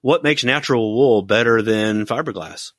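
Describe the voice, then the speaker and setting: A man's voice: medium pitch, normal speed, a bit bright. A man hosting a casual interview, mostly giving short, encouraging replies and asking questions. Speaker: interview host.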